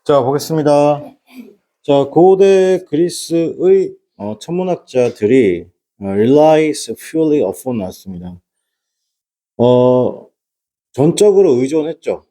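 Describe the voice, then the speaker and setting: A man's voice: on the high side, lively intonation, slow pace, warm tone. A man lecturing a class on exam English, blunt and scolding, who keeps throwing rhetorical questions at his students. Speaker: English lecturer for transfer exams.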